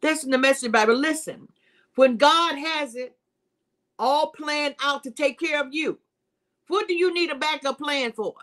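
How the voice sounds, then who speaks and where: A Bible teacher hosts a live-streamed devotional, greeting viewers by name as she preaches in a repetitive, emphatic, conversational style. Her voice is high, unhurried, and fairly bright.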